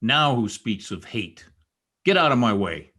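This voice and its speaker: An actor playing Heathcliff, a brooding and bitter lover, in an old-time radio drama with an impassioned, theatrical delivery. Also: male voice, lowish voice, big pitch swings, unhurried, sharp tone, slightly rough, exaggerated voice. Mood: urgent, demanding. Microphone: recorded remotely over video call.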